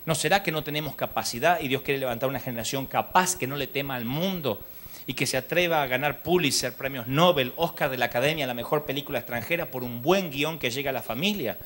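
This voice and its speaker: A man's voice: mid-range voice, fast. A man with a Rioplatense Spanish accent preaching a humorous sermon at a live church conference, telling stories and acting out the dialogue. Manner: animated storytelling, acts out dialogue.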